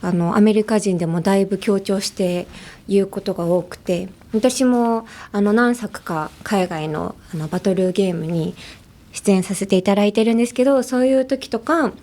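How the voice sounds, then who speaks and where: A woman's voice: mid-range voice, normal speed, warm tone. A young American woman hosting a podcast, chatting casually and laughing often as she switches between languages. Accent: American English. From Los Angeles. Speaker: podcast host. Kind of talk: casual bilingual chat.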